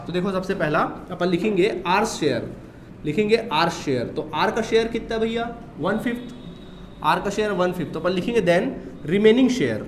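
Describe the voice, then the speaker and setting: Indian male commerce teacher, high voice, echoey classroom with faint room hum; explains step by step and answers his own questions. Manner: asks rhetorical questions and answers them himself; explains step by step while writing on a board. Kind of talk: classroom lecture. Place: coaching classroom.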